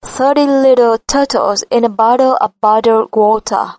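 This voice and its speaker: A woman voicing a gracious, pregnant Indian accent teacher who slowly drills English tongue-twisters. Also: a little high, steady tone, darkish tone, no echo, clean studio sound, close to an everyday voice. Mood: instructive.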